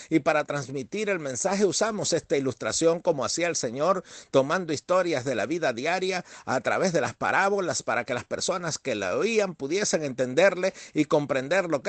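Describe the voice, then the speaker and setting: A middle-aged man, a pastor, reading scripture in a measured way and then preaching a sermon with growing emphasis. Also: fairly high pitch, dry recording.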